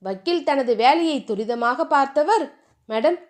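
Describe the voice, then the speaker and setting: A woman narrating a romance novel aloud with steady storytelling delivery. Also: sits high, normal speed. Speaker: audiobook narrator. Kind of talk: scripted narration.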